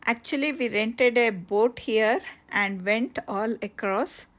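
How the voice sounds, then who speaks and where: Woman travel vlogger, slightly high voice, slow and halting casual narration, recorded on a phone outdoors. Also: fairly bright tone. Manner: slow, halting with many fillers and restarts. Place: outdoors on coastal cliffs.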